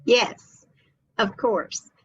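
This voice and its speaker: A woman's voice: drawn-out words, lo-fi sound. A middle-aged woman from Memphis, a guest on an interview show, speaking earnestly and repeating herself. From Memphis, Tennessee. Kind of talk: casual interview chat.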